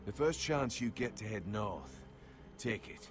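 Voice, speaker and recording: A grave old house retainer. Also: male voice, lowish voice, lively intonation, music in the background. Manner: measured, solemn and earnest. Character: grave, loyal older male house retainer and uncle. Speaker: loyal family advisor. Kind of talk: video game voice acting.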